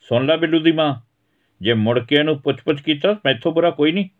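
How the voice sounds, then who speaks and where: A man's voice: fairly high pitch, fast talker, narrow, tinny audio, pitched above the performer's own voice, lightly acted. A man voicing an angry village father who harshly scolds his son in a storybook reading. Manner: harsh, shouting reprimands.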